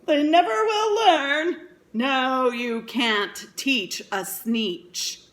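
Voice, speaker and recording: A woman voicing a sly male storybook swindler who gloats and mocks in a loud, drawn-out way. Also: high-pitched, full character voice. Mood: gloating. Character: gloating, sly swindler man mocking his customers.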